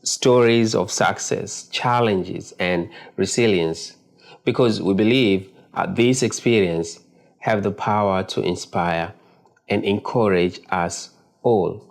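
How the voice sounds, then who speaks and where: A man's voice: fairly low pitch, slow, creaky. A man hosting a podcast interview, speaking in a formal, courteous way. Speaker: podcast host.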